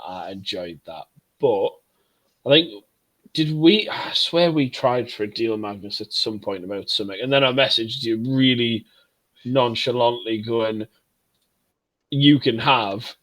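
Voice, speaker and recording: A man's voice: medium pitch, fairly bright tone, poor audio. A young man co-hosting a podcast, rambling and teasing his friends in casual chat. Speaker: podcast co-host.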